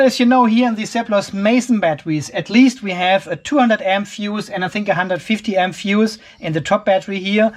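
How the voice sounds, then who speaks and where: This home battery review comes from a channel host whose voice is notably high. He handles the device as he inspects it, wondering aloud with easygoing curiosity and explaining what he finds step by step.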